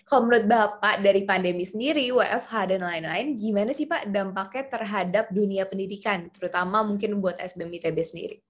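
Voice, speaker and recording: A woman's voice: medium pitch, a little fast, hardly any pauses. A woman interviewing a professor, asking questions in a chatty, polite way.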